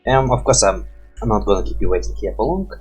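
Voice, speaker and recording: A man's voice: on the low side, sing-song, fast, a little mellow, breathy edge, faint music behind. A man on a headset mic rambling casually in broken English, peppering his talk with "bloody". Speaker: reaction streamer.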